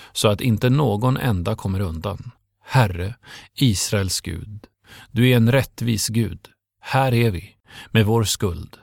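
A man giving a scripted Bible reading in a measured, even pace. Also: on the low side, creaky, dry recording, studio quality. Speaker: scripture reader.

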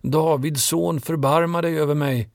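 A man voicing a blind male beggar, pleading in a raised, higher voice. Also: no echo, studio quality, close to an everyday voice.

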